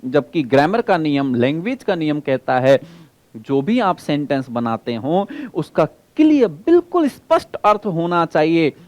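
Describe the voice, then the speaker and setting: A male teacher giving an exam-prep lecture, explaining by repeating points, asking the class questions and drawing key terms out slowly. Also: a little high, big pitch swings, darkish tone, dry recording.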